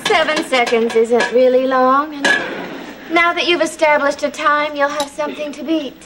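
Haughty, arch socialite, played by a woman; high voice, loud hiss in the track. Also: fairly even intonation, normal speed, close to an everyday voice. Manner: arch, sarcastic. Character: haughty rich woman, cutting wit.

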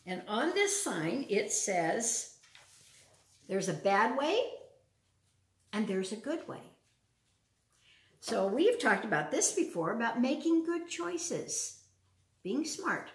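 Reading to small children in a big open living room with a wood floor, a woman of about 70 sounds very animated, going slowly and pausing often. Her fairly high voice rises and falls as she uses simple, child-directed phrasing, asks lots of questions, and adds chatty asides, and the recording picks her up from a distance with roomy echo.

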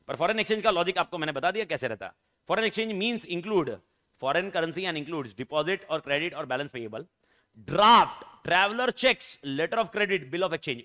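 Indian male law teacher, lively and bright-toned, quizzes the class often. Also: sits high. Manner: animated, quizzing students with rhetorical questions; mixes Hindi with English legal wording read slowly. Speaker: law lecturer. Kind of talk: classroom lecture.

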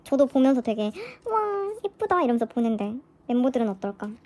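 A woman chatting casually through an unboxing vlog, gushing with excitement as a fan. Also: a little high, quick pace. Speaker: vlogger.

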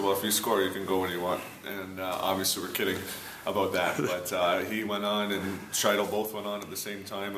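Hockey coach, man, 30s: low, monotone, rapid post-game recap, echoey locker room with background noise. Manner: fast, filler-heavy recap with frequent restarts. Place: arena locker room, indoors.

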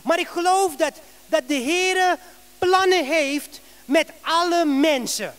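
A male pastor preaching a sermon in a church, telling a story with lively rhetorical questions. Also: extremely high pitch, slow pace.

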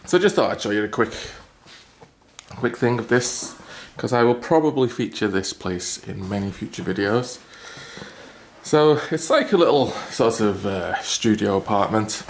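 A man with a lowish, animated voice and an unhurried delivery vlogs through his apartment, the stairwell and an icy outdoor car park on the way to his car. Recorded on a handheld camera mic with slight background noise, this travel vlogger chats casually, rambling and self-deprecating.

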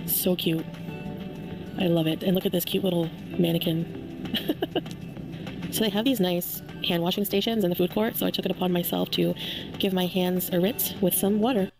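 A woman's voice: fairly low pitch, vocal fry. A woman narrating her own vlog in a chatty, gushing and enthusiastic voice-over. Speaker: vlogger. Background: background music.

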